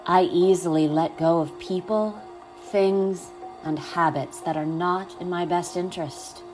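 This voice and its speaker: Soft, slow, soothing woman guiding meditation. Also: lowish voice, fairly even intonation, over music, low-quality recording. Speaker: podcast host and meditation guide. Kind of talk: guided meditation.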